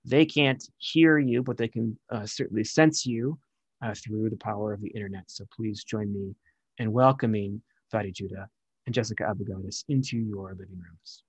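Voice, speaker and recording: A young man hosting a bookstore's online event, reading a scripted introduction with small filler pauses over a headset. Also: on the low side, fairly even intonation, breathy edge, no room sound, highs cut off. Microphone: headset on a video call.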